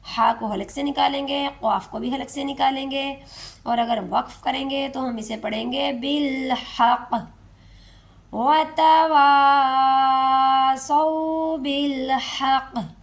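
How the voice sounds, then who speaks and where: A woman, teaching Quran recitation step by step, explaining slowly and chanting verses drawn out. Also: high-pitched, steady tone, gravelly.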